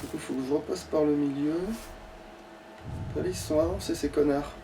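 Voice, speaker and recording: This streamer's fairly high voice keeps a steady tone and moderate pace as he plays through a let's play. His commentary is casual, full of grumbling and swearing aimed at the game and himself, captured by a distant mic over game music.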